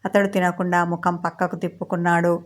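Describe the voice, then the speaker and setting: A woman reading a romance story aloud as narration, in a steady, even way. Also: lowish voice, fairly quick.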